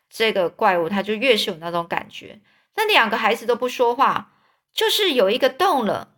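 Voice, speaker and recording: A woman's voice: fairly high pitch, a bit bright. A woman retelling a children's story in a loose, casual way, with fillers and repeats.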